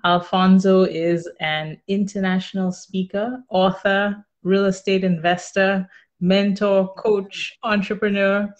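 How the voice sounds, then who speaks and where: A woman hosting a live interview over a video call. She speaks in a halting, easygoing way. Her talk is full of "you know" fillers. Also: mid-range voice, flat delivery, muffled recording. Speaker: host.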